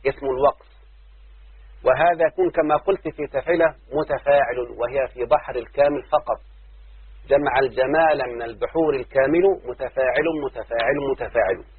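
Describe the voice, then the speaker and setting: A man teaching a lesson on verse meter, chanting the quoted lines slowly and then explaining them plainly. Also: mid-range voice, dry recording. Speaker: teacher of Arabic prosody. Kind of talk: religious-style lecture explaining verse. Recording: dry, phone-like lo-fi, husky.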